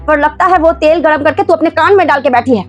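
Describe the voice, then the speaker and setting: A woman's voice: high-pitched, fast, soft background music, lightly acted. A woman playing a harsh, domineering mother-in-law who scolds her daughter-in-law. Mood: scolding. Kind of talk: home-made family drama acting.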